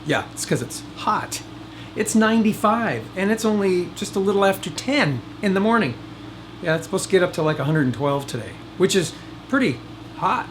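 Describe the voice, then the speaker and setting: Loud air conditioner hum runs under this folksy DIY series host as he gives casual how-to vlog talk. He's high-pitched and animated at a moderate pace, cracking jokes and wandering into rambling asides.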